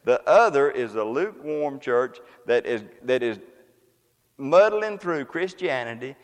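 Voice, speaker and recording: A man's voice: medium pitch, lively intonation, a little slow, in a large hall. A man preaching a sermon to his congregation in a folksy, conversational way, full of homespun examples. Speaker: pastor. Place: church sanctuary.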